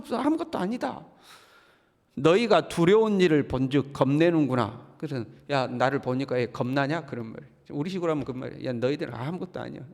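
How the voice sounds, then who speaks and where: A man preaching an early morning sermon, acting out quoted speech in a heated everyday voice. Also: mid-range voice. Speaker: pastor. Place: church sanctuary. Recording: long hall reverb.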